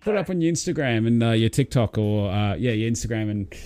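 A man's voice: on the low side, lively intonation, fast talker, over loud music. An Australian man hosting a casual chat in a blokey, encouraging manner, like an everyday tradesman. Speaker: podcast host.

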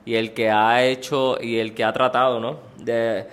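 A man's voice: medium pitch, little pitch movement, unhurried, fairly bright tone, smooth. Hesitant Puerto Rican man, filler-heavy talk. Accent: Puerto Rican Spanish. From Puerto Rico. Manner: hesitant, many fillers like "pues" and "no?". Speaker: podcast co-host. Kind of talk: casual conversation.

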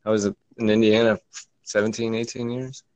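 A man from Michigan chatting casually, halting and restarting his sentences. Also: on the low side, level tone, darkish tone, dry recording, low-quality recording. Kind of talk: casual chat.

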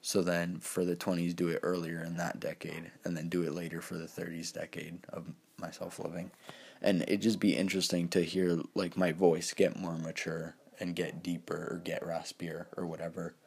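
An eighteen-year-old man talks on his own in a loose, rambling way, circling back with fillers and restarts. His voice sits very low and stays flat, with little rise or fall. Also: normal speed, creaky, slightly rough. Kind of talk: casual solo talk.

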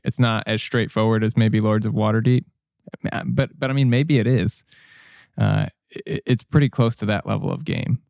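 A man's voice: on the low side, vocal fry, dry recording. A man co-hosting a board game podcast, chatting casually and rambling a little with restarts. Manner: relaxed, rambling with restarts and fillers.

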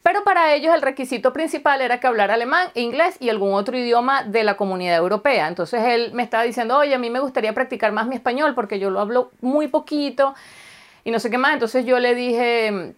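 A woman's voice: fairly high pitch, quick pace. A Venezuelan woman in casual chat, telling a story and acting out the dialogue. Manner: chatty storyteller, acts out dialogue.

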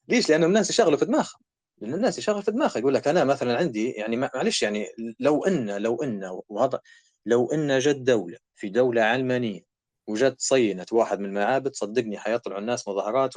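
A man's voice: medium pitch, darkish tone, dry recording. A man with a Libyan accent, a guest scholar making a passionate, argumentative case in a talk show.

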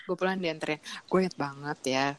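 A woman's voice: low-pitched, fairly quick, no echo. A young woman telling a rambling story in casual chat, laughing between filler words.

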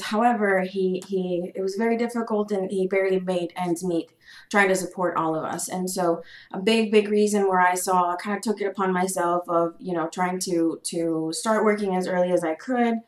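A woman's voice: medium pitch, echoey room. A young woman, eight months pregnant and a little out of breath, talking humbly as a podcast guest with many fillers and restarts. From United States. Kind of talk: casual podcast interview. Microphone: remote call, laptop.

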